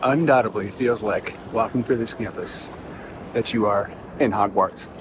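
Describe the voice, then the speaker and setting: A man's voice: on the low side, normal speed. A middle-aged man narrating a casual walking-tour vlog outdoors, enthusiastic and offhand about the details. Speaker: visitor filming a walking campus tour. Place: outdoors walking, some indoor stretches. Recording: outdoor urban noise, traffic ambience.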